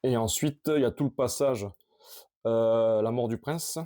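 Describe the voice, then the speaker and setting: A man casually showing his collection on camera, talking in a halting, rambling way with many restarts. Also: mid-range voice, mellow.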